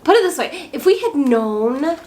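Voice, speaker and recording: A woman's voice: high-pitched, big pitch swings, moderate pace, darkish tone, slight background noise. Tipsy woman, chatty and playful. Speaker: travel vlogger. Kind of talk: casual chat, Q&A.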